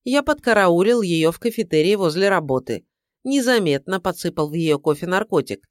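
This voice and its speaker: A woman's voice: on the low side, lively intonation, normal speed, no echo, close to an everyday voice. A woman reading the part of a tired, sardonic male private detective in a dry, grudging manner for an audiobook. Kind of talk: audiobook character voice.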